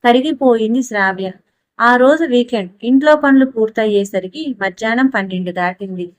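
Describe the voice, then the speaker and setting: A woman narrating a scripted story for an audiobook in a steady, even manner on a close mic. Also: fairly high pitch, moderate pace, no echo.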